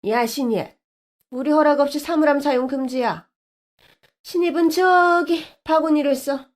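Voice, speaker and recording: A woman's voice: sits high, unhurried, pitched above the performer's own voice. A woman playing a sneering bossy bully woman. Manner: loud, sneering, shouting. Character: bossy middle-aged woman bully, gang leader.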